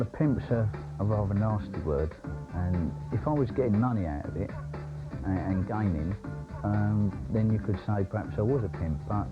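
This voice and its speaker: A man in a documentary interview, boastful and blunt, swearing freely, heard off a worn VHS tape copy. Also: low-pitched. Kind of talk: candid interview talk. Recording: dull worn tape copy with music behind.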